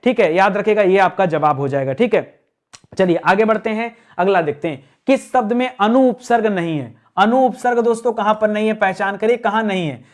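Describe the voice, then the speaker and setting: Male tutor, high-pitched, methodical, repeats answers for the class. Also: brisk. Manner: explanatory, repeats key words, addresses viewers as friends. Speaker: teacher. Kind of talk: exam-prep grammar lesson.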